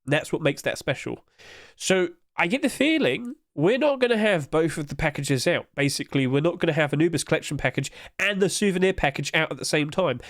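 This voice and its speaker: Over a screen share, a stuffed-up man chats about what in-game items cost, keeping it loose and full of fillers. The recording is dry and studio quality, and his voice is a little high.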